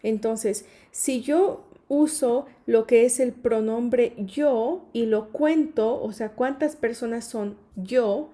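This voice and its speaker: A woman teaches English grammar in a patient, repetitive way, checking in often with her students. Her voice sits a little high but sounds mellow and warm. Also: slow pace, hardly any pauses. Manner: patient, repeats points with "¿sí?" and "¿ok?". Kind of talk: explaining grammar.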